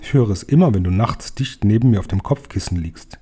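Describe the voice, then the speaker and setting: A calm, loving grandmother in her eighties, read by a man. She speaks slowly and gently in a low, dark, husky voice. It is an audiobook reading for children. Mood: tender. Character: 86-year-old grandmother, calm, loving and wise.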